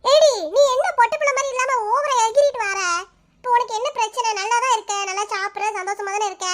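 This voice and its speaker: A bossy young village neighbor, voiced by a woman, fires off words in a very high, fast voice. She scolds sharply but means well. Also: fairly even intonation. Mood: scolding. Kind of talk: cartoon voice-over.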